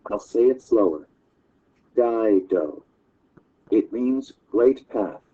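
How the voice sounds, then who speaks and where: A man reading aloud in a classroom story lesson, voicing a patient father who explains slowly. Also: mid-range voice, lively intonation, husky, phone-quality sound.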